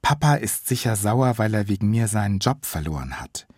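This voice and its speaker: A man reading his own audiobook in the calm voice of a guilty, earnest young boy. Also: fairly low pitch, normal speed, slightly rough, no echo, studio quality.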